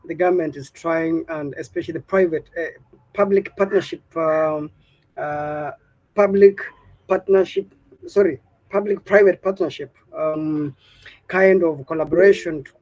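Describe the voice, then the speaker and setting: A man's voice: a little high, fairly even intonation, measured pace, a little mellow, no echo, dull audio. Hesitant Kenyan man on a discussion panel. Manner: hesitant, many fillers and restarts. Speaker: panel speaker.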